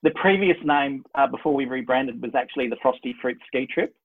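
A man's voice: mid-range voice, a little fast, no room sound. A man hosting a casual chat, explaining details in a chatty, wry way. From Australia. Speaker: podcast host running ski group trips. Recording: tinny phone-line sound.

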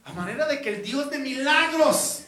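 A male pastor preaching an evangelical sermon, swinging from soft asides to loud, fervent exclamations. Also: very high-pitched, expressive, normal speed, distant mic. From Guatemala. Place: church hall. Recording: echoey church hall.

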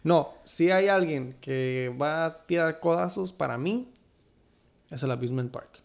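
A fairly high-pitched man with vocal fry and a Mexican Chicano accent speaks at a measured pace as co-host of a sports league podcast. He bantered casually about a fantasy league, full of street slang and switching into English phrases.

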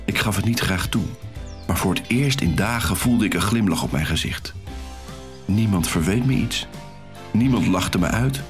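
A man's voice: fairly low pitch, animated, moderate pace, faint music behind, natural voice. An actor playing an anxious, self-conscious young man, narrating an audio drama in the first person with a wry, rueful manner. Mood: wondering. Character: anxious young man, shy secret dancer. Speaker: narrator and lead character.

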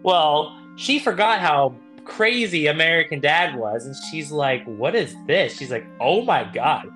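A man's voice: fairly high pitch, expressive, measured pace, sharp tone, soft background music. A young man co-hosting a podcast, chatting casually and telling rambling stories with the odd swear word. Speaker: podcast co-host. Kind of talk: casual chat.

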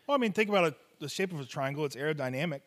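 A man co-hosting a relaxed podcast who mostly chimes in with brief agreement. When he does speak at length, he reasons things out in an offhand way. His voice sits a touch higher than usual for a man. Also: rapid-fire. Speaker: podcast co-host. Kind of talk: casual chat.

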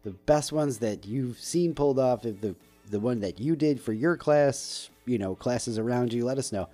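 Podcast co-host, male, mellow tone, jokey, faint music under. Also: medium pitch, moderate pace. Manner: jokey, teasing. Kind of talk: casual chat.

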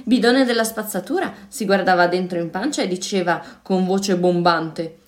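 A woman reads a children's story aloud in a warmly paced, expressive voice. Her delivery is playful, leaning into the rhythm of the words. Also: on the low side, normal speed.

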